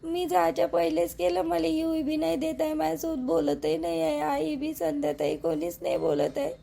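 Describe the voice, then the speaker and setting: A woman playing a meek, hurt young daughter-in-law who pleads tearfully, with a gravelly edge. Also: sits high, normal speed, warm tone, slight background noise. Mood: pleading. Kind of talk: village family drama acting.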